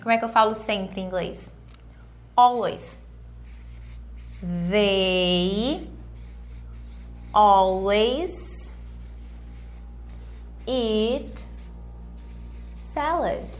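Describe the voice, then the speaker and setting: In an online English lesson, a young woman with a Brazilian Portuguese accent slowly says words again and again for her students to repeat. Her pitch is a little high and her tone fairly bright.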